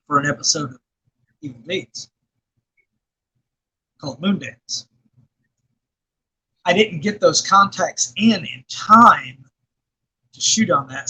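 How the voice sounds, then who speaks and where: Bright, husky-voiced man from Arkansas. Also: on the high side, rough recording. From Arkansas, USA. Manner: rambling, many fillers and restarts, laughs often. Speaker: guest filmmaker and actor. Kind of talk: casual interview chat.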